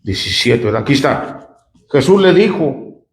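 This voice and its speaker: In a roomy-sounding recording, the pastor reads scripture with commentary in a mid-range, sing-song voice, a little slow and touched with vocal fry. He speaks conversationally, often asking the congregation "¿verdad?" and "¿cuántos dicen amén?".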